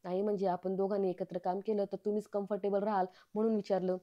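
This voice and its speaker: A woman's voice: mid-range voice, flat delivery, quick pace, highs cut off, close to an everyday voice. A woman voicing an earnest young woman who speaks in a pleading way. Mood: businesslike.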